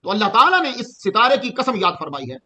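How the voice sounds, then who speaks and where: A middle-aged man from Pakistan giving a Quran commentary lesson, explaining at an easy pace and slowing down to chant the Arabic verses. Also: high voice, very animated, bright, forceful tone, lo-fi sound. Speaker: Quran teacher.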